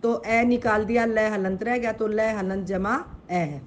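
A woman's voice: mid-range voice, unhurried, slight background noise. A woman teaching Sanskrit in an online grammar lesson. She patiently spells out sounds, asks her pupils questions and calls them beta. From Haryana, India.

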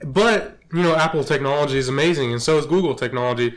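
A man's voice: fairly high pitch, fast talker. A man chatting casually about cars with friends, agreeable and laughing often. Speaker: co-host. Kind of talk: casual chat.

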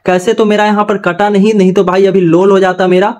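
Chatty guy, higher pitch, casual walkthrough host. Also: flat delivery, fairly quick, darkish tone. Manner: chatty, informal, repeats "bhai" and "dost". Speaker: crypto YouTuber. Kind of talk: casual screen-recording walkthrough.

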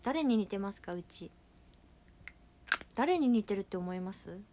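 A young woman hosts a casual idol livestream, chatting in a filler-heavy way and reacting to fan comments as she reads them. Her mid-range voice has lively intonation and is a little slow, with a noisy background.

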